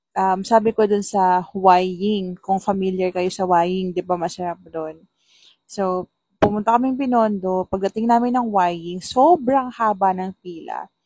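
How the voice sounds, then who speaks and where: A young woman vlogger telling a personal story in a chatty, animated way, with exasperated asides. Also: medium pitch, unhurried, slightly rough, dry recording. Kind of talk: casual storytelling vlog.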